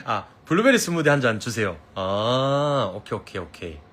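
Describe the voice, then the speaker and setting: A man's voice: mid-range voice, wildly swooping pitch, moderate pace, fairly bright tone, a little hiss or hum. A man with a Gyeongsang Korean accent chatting casually on a live stream from his phone, reading viewers' comments, playful and teasing and laughing often.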